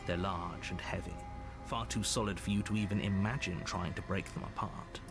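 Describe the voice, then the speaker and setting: An actor playing a stern, controlling narrator in a video game, with measured, literary and insistent delivery. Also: male voice, sits low, fairly even intonation, vocal fry. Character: stern, disapproving storybook narrator, a controlling male presence. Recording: game music behind the voice.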